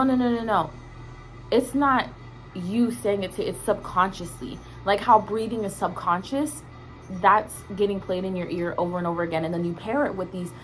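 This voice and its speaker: A woman's voice: medium pitch, poor audio. A woman vlogger chatting casually and emphatically to her viewers, in slangy language with swearing and repeated words for emphasis. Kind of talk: casual opinionated chat to viewers.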